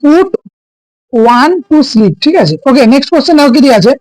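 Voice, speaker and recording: High-pitched guy teaching an exam prep class, dry sound, asks questions then answers them himself. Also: sing-song, a little fast, a little mellow, no echo, rough recording. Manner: keeps asking students "ঠিক আছে?"; explains by asking and answering his own questions.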